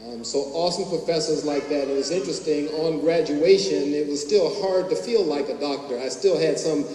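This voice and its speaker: A man's voice: a little high, moderate pace. A middle-aged man, a doctor, giving a graduation speech with anecdotal, self-mocking humor. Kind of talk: ceremony speech, storytelling. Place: large hall. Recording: echoey hall from far off, faint hum.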